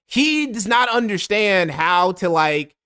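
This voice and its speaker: Brief: male streamer, slightly high voice, cussing and mocking through casual live commentary. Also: very animated, takes it slowly, pushed and bright, smooth. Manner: blunt, profane, mocking. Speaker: streamer reacting to a video.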